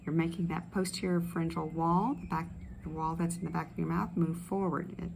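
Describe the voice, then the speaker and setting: Woman, speech therapist, lowish voice, relaxed teaching, outdoor ambient noise. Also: brisk, creaky. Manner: relaxed, explanatory, many fillers. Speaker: speech pathologist. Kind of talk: instructional exercise video. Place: outdoors in a tropical setting. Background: ambient outdoor sounds with birds.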